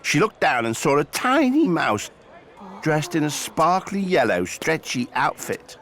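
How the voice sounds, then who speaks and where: A storyteller narrating an animated children's tale in an expressive style. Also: mid-range voice, measured pace, background noise.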